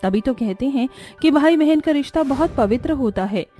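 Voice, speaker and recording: A woman narrating a cartoon story in a gentle, moralizing storytelling voice. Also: sits high, expressive, normal speed, faint music behind.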